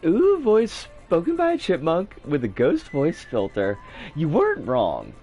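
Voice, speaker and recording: A man's voice: on the high side, huge pitch swings, measured pace, warm tone, breathy edge, faint music behind. A man chatting casually as a game streamer, with a sardonic, rambling, sweary manner. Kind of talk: casual livestream chat and commentary.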